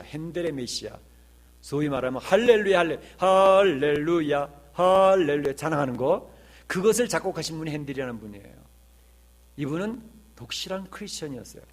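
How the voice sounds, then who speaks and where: Man, pastor, sermon, earnest, emphatic swells, rhetorical questions. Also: mid-range voice.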